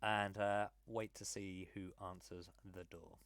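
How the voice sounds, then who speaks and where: A man's voice: low-pitched, level tone, measured pace, creaky, fairly bright tone, clean tone. A man playing a tabletop game, often exasperated, groaning and swearing in character. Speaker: player.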